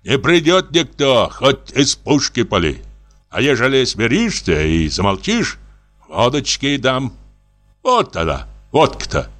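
Man playing a gruff threatening barber, rough commanding bark, lively pitch. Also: a little slow, faint music behind. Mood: menacing. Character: rough lower-class male barber, gruff and menacing.

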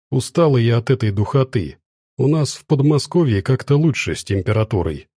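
A man's voice: mid-range voice, warm tone, breathy edge, dry recording, studio quality. A man voicing a tired middle-aged woman who complains about the heat, in an audiobook.

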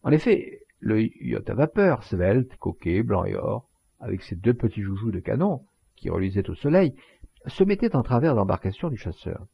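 Gravelly man narrating an audiobook. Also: fairly low pitch, no echo. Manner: measured, expressive storytelling.

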